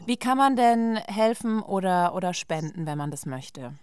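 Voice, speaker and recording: A woman's voice: medium pitch, lively intonation, normal speed, darkish tone, a little hiss or hum. A woman interviewing a guest, asking questions in a friendly, conversational way.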